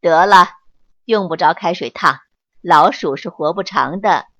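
A woman voicing the monkey's calm, wry adult owner in a dry, teasing, lowered voice. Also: unhurried, no room sound. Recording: dull lo-fi, dry.

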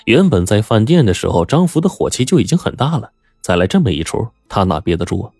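Brief: deep-voiced male storyteller, lively and conversational, dry close recording. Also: quick pace, no echo. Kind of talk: scripted narration.

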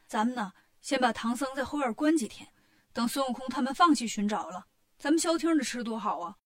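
A woman's voice: a little high, expressive, a little fast, lightly acted. A woman voicing a crafty little male demon minion who wheedles his boss in a children's storybook tale. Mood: persuasive. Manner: wheedling, persuasive.

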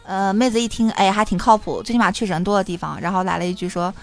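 A woman's voice: medium pitch, quick pace, faint music behind. A young woman hosting a show, telling a funny story with lots of giggling and casual cussing. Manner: animated, giggly, cusses casually. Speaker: host. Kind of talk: comic storytelling.

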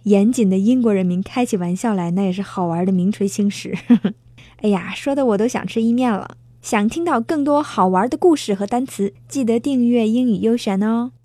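This woman hosts a casual bilingual English lesson, keeping it playful and chatty with frequent laughter. She speaks briskly at a medium pitch, her tone mellow, and the recording has no echo.

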